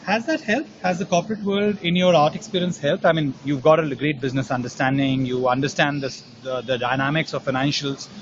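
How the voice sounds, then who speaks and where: A man's voice: on the high side, steady tone, brisk, hardly any pauses, dull audio, background noise. A man interviewing an artist, asking probing questions and rephrasing them as he goes. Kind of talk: conversational interview.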